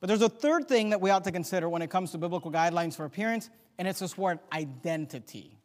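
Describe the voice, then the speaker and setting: High-voiced preacher in a reverberant church. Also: male voice, fast. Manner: emphatic preaching, swinging between loud declarations and quiet asides; recites scripture in old-fashioned biblical wording. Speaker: pastor. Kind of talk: sermon. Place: church sanctuary. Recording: long church hall reverb.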